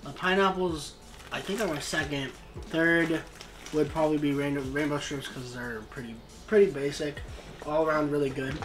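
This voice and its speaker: Low-voiced woman eating sour candy. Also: fairly even intonation, moderate pace, faint music behind, low-quality recording. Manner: eating sour candy while talking, clipped short remarks. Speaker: vlog co-host taste-testing candy. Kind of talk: casual chat. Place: small bedroom, indoors.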